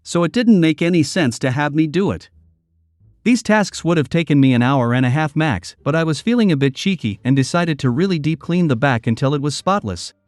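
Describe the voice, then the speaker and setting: A narrator reads online posts aloud as stories, steady and even, in a voice a bit high for a man. He speaks fairly quickly, and the recording is close and dry with soft music under it.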